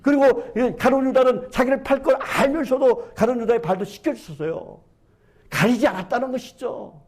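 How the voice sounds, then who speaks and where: A male pastor preaching a fervent sermon in church, often asking rhetorical questions and filling pauses with "yes.". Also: very high voice, slightly rough. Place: church sanctuary.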